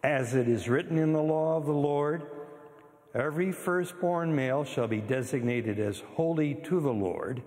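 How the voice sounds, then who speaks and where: A man serving as priest, reading the Gospel and preaching at Mass in a measured, solemn way, with a long church reverb. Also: medium pitch, darkish tone. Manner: measured, solemn liturgical delivery.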